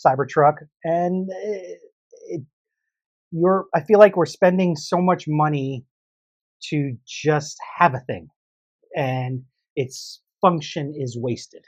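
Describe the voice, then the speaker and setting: A man's voice: fairly high pitch, slow, dry recording, dull audio. A man co-hosting a casual podcast chat, talking in an opinionated way and laughing often. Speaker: podcast co-host.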